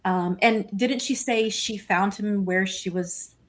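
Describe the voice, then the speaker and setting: A woman co-hosting a casual panel chat, talking through a legal filing with pauses and restarts. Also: mid-range voice. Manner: halting, walks through the document with fillers and restarts. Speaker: podcast co-host reading a legal filing.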